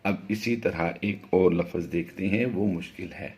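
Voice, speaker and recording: Brief: lowish male teacher voice, middle-aged, patient tajweed lesson, spells letters one by one, breaks into slow chanted recitation. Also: steady tone, a little mellow.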